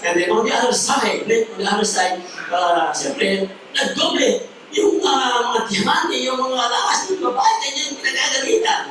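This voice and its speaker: A man's voice: very high-pitched, moderate pace, sharp tone. A man with a Filipino accent preaching a sermon, mixing Tagalog and English and acting out the characters of a story he tells. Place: church hall. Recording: echoey hall, distant mic, faint hiss.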